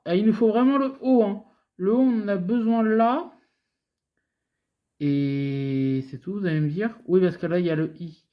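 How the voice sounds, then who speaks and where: Lively French woman calling out scratch-card letters. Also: fairly low pitch, lo-fi sound. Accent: French from France. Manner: chatty, talks to viewers, repeats letters in sing-song runs. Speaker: host scratching lottery tickets. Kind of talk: casual play-by-play commentary.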